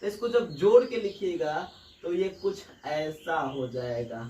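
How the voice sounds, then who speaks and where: High-voiced male teacher in an echoey room. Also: big pitch swings, a little slow, darkish tone. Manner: repeats points and asks the students rhetorical check questions. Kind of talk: whiteboard grammar lesson. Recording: echoey room, mic far off, birds outside.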